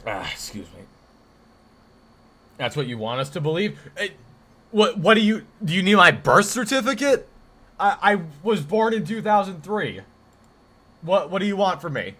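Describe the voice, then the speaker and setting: His deep voice, at twenty, still cuts through with a bright, forceful edge, rising and falling in a sing-song way at a normal speed with long pauses. Hosting a live stream, he banters casually with chat and jokingly defends himself as he rambles.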